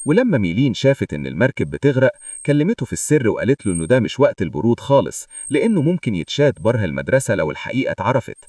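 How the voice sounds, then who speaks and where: A man with an Egyptian Arabic accent, narrating a manga story recap as a lively, joking storyteller. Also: medium pitch, racing, no room sound, studio quality, distant mic.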